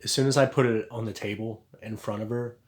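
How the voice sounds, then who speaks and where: A man telling a personal story in a casual, halting way, earnest and confessional, with lots of fillers and restarts. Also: fairly low pitch, steady tone.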